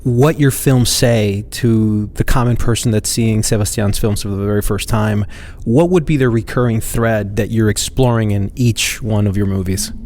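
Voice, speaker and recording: A man's voice: fairly low pitch, normal speed, few pauses, darkish tone, slight background noise. A man hosting an interview, asking short, direct questions. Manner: brief questions and backchannel responses. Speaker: interview host. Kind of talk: interview conversation.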